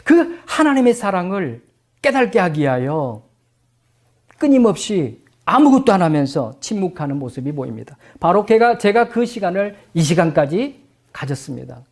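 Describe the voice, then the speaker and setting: Animated Korean pastor preaching a sermon. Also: male voice, normal speed. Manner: animated preaching, acts out quoted voices, drops to soft low tones.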